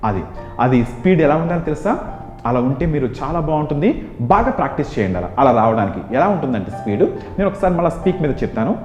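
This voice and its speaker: A man with a Telugu accent teaching spoken English, drilling phrases in rapid rhythmic lists. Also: a little high, sing-song, a little mellow. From India. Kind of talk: classroom English lesson. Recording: echoey room, dull sound, music behind.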